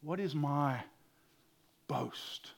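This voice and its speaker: Delivering a sermon, a loud male pastor with a fairly high, creaky voice stretches out his words. He shifts from soft whispers to loud exclamations, often stammering and repeating himself word by word.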